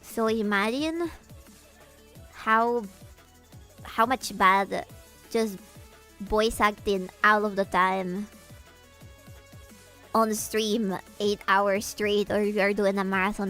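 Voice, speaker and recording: A woman streamer chatting casually with her viewers in an animated, giggly way, her voice swooping upward when excited. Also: mid-range voice, takes it slowly, pauses often, soft background music. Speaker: VTuber streamer. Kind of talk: casual livestream chat, answering viewers.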